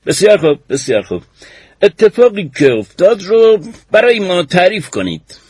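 A husky courtroom lawyer or judge in a radio drama, questioning formally and with measure. His pitch swings widely, and the recording is dry and close. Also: big pitch swings, a little mellow, no room sound, exaggerated voice. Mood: probing.

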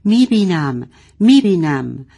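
A woman's voice: lowish voice, lively intonation, a little mellow, voice pushed up. A woman voicing a frustrated father at a monitor who talks angrily and curses under his breath. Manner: angry, cursing under breath.

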